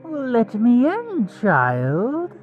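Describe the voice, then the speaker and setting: A man voicing a creepy, taunting male killer clown with a slow, creaky, menacing delivery, heard as if through a door. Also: extremely high pitch, wildly swooping pitch, phone-quality sound, faint music behind, voice pushed up, exaggerated voice. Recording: sounds distant, through a door.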